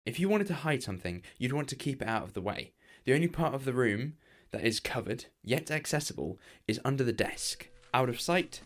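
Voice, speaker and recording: A man voicing the Doctor, a quick, eccentric time traveller who teases, explains and takes command, in a fan-made audio drama. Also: medium pitch, big pitch swings, lightly acted. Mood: explaining. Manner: wry, teasing, commanding. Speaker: detective lead.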